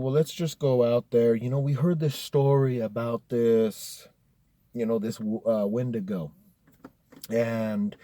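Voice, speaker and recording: A young man from Colorado, host of a story-time series, casually tells a personal horror story, cursing freely and calling listeners "dude" and "bro." His mid-range voice is warm, and there's no room sound at all.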